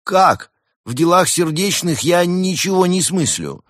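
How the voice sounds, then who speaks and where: A man's voice: normal speed, dry recording, clean studio sound. A man voicing a fussy, reluctant male koala spy in a storybook reading. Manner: higher and more excited than the narration.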